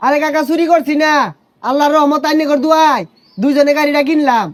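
A man with a playing a young fellow making quick pleading retorts in a comedy sketch. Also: extremely high pitch, fairly even intonation, noisy background. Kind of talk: rustic comedy sketch in dialect.

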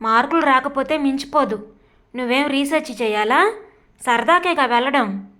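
A woman reading the part of an anxious, quick-tempered young man who sternly forbids his sister in a storybook. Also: sits high, pushed and bright.

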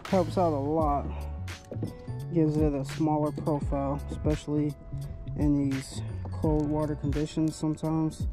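A young man vlogs while kayak fishing on a windy lake, rambling in a laid-back way with plenty of fillers. His voice is a little high with little pitch movement and a measured pace. Background music plays over wind and water.

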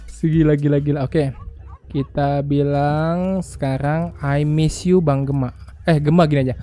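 A man's voice: a little high, steady tone, a little slow, warm tone. A young man streaming a game live, chatting casually, joking and laughing often as he reacts. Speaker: gaming livestreamer.

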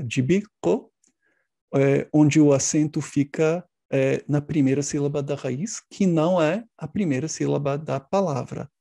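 Slow, gravelly-voiced male academic presenter. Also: fairly high pitch, warm tone, no room sound, studio quality. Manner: measured, explanatory, frequent hesitation fillers. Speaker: linguistics researcher presenting.

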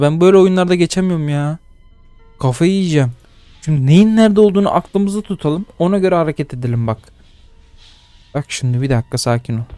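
A young man talking himself through a horror game, muttering nervously, then dropping to hushed whispers. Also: medium pitch, no room sound. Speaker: gaming YouTuber.

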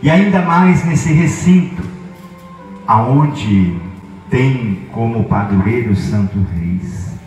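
Slow-paced priest over echoing PA. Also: male voice, mid-range voice, a little mellow. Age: middle-aged. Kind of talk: spoken blessing and prayer at an event. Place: open-sided tent at outdoor cattle auction. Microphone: handheld microphone through PA. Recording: echoey PA system, distant, faint music.

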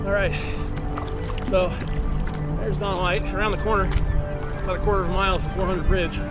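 Kayaker guy, high voice, laid-back tips, outdoor action-cam audio with loud music under it. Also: brisk. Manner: relaxed, explanatory, giving paddling tips. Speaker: kayaking vlogger. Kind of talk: casual narration while paddling. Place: outdoors on a flooded river in a kayak. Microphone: action camera mounted on the kayak.

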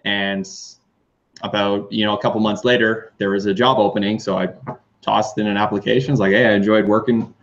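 A man's voice: fairly low pitch, level tone, a little fast. A young man in his twenties, a radio DJ, chatting over a video call from his kitchen. He talks in an easygoing way, full of fillers. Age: 20s. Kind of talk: casual video-call chat. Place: kitchen, indoors. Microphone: webcam on a video call. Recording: dull lo-fi call audio.

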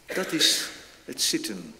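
A male pastor preaching a sermon in a church, slow and deliberate, with sudden emphatic rises in pitch and volume. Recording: long church reverb, faint noise.

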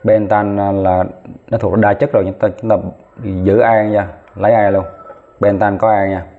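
A man's voice: on the low side, little pitch movement, moderate pace. A man teaching chemistry, talking as he writes, counting aloud and correcting himself along the way. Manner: talks while writing, counts aloud, corrects himself mid-step. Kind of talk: lesson at a whiteboard. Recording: tinny phone-like audio.

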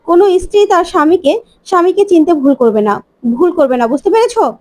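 A woman's voice: extremely high pitch, lively intonation, fairly quick, darkish tone, voice pushed up. A woman reading the lines of an older father who talks insistently and emphatically, repeating his points. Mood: determined. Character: older determined father-in-law.

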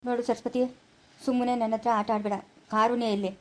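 A woman's voice: a little high, flat delivery, fast, a little mellow. A woman with a Chikkaballapura Kannada accent acting in a family drama, demanding and threatening.

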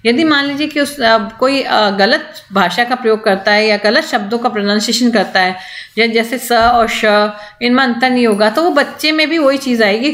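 A woman lecturer with a slightly high voice talks through a lesson in a steady, explanatory way. She stops to restart words and mimics a baby's syllables to show her point. The recording carries a clear echo from the room. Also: a little hiss or hum. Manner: explains slowly, restarts words, imitates baby sounds. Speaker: college lecturer.

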